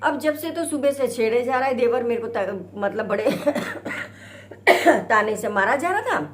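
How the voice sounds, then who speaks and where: A middle-aged woman telling a family story in a casual vlog, lively and acting out the banter in different voices. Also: fairly high pitch, measured pace. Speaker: vlogger.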